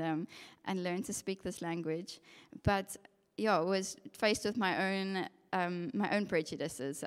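This young South African woman, an occupational therapist, shares a personal testimony in a church hall before a masked audience. Her voice sits on the low side and sounds smooth, and she stays earnest and reflective, filling pauses with "um" and "yeah." The hall adds a long reverb.

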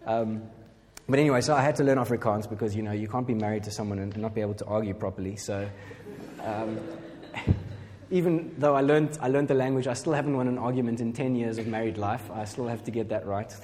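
Speaking fast in a low, steady, darkish voice, a middle-aged man shares his personal testimony as a pastor. His telling rambles, pokes fun at himself, and is packed with fillers, all echoing with hall reverb.

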